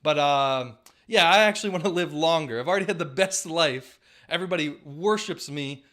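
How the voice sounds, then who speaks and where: A man's voice: fairly high pitch, fairly quick, a bit bright, close to an everyday voice. A young man putting on the voice of a boastful, whiny old baseball legend in a comedy bit. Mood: bragging. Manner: whiny, bragging.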